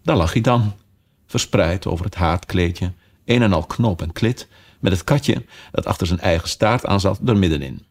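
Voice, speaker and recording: A man narrating a children's classic as an audiobook, in a slow, measured storytelling manner. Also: low-pitched, expressive.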